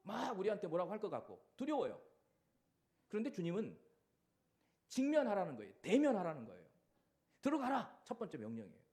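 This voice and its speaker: A man preaching a sermon as pastor, animated and acting out the cries and commands he quotes. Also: sits high, fast talker, pauses often.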